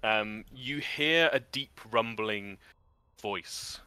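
A man with a low, very bright and clear voice runs a tabletop game. He narrates descriptively, improvising and pausing to find his words. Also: no echo. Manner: descriptive, halting as he searches for words. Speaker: game master.

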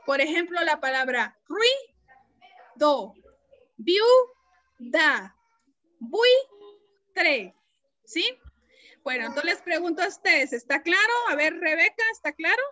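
A woman teacher speaks over a video-call microphone, her voice very high and bright. She explains a lesson patiently and keeps asking the class questions. The tone is that of a teacher leading an online lesson. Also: big pitch swings, slow, long pauses, muffled recording. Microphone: computer mic on a video call.

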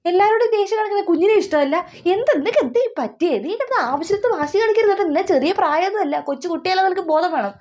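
A woman acting as a nagging middle-aged mother in a comic family skit, scolding with rapid questions. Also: very high-pitched, expressive, darkish tone, muffled recording. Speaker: mother of a new mother.

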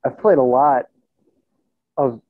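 On a video call from a plain indoor room, a thirtysomething man who plays music and teaches band talks reflectively, working out his thoughts aloud and dropping "you know" and "right?". His medium-pitched voice is slow, and the earbud headset gives dry, tinny, band-limited sound.

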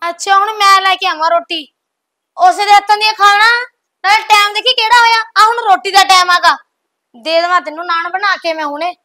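A woman with a Punjabi accent plays a resentful young wife and daughter-in-law who bickers sarcastically out of jealousy toward her sister-in-law. Her very high voice is pushed and bright, brisk, with fairly even intonation.

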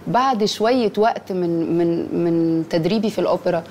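A woman's voice: lowish voice, a little fast, warm tone, slight background noise. A woman with an Egyptian accent, a singer chatting as a guest in an interview. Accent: Egyptian Arabic. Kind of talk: casual interview chat.

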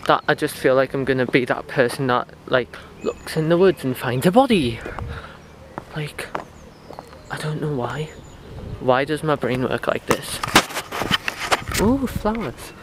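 Traffic and outdoor ambience surround this casual walking vlog, recorded on wireless earbuds by a young man strolling along a riverside path. He speaks in a mid-range, expressive voice, a little slowly with long pauses, musing and rambling with lots of fillers.

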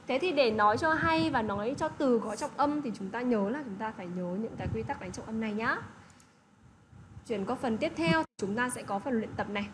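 This woman, whose voice sits on the high side, teaches English to children over background noise. Patient in her explanations, she repeatedly asks "được chưa" to make sure the class is following.

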